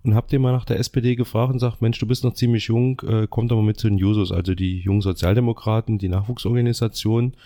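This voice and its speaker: Mellow middle-aged man chatting as a guest. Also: on the low side, steady tone, fast, hardly any pauses. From East Germany. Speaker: podcast guest. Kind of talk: casual interview storytelling.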